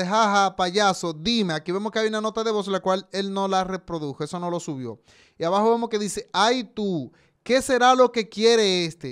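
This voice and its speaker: A man hosting a gossip show, reading chat screenshots aloud and commenting, slowing down to stress the quoted messages. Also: high-pitched, clean tone. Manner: reads chat messages aloud with slowed emphasis.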